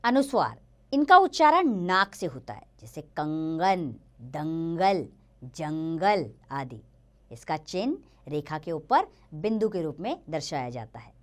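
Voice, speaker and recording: A woman's voice: fairly low pitch, huge pitch swings, moderate pace. A woman teaching a grammar lesson to children, explaining patiently and stretching out the example words.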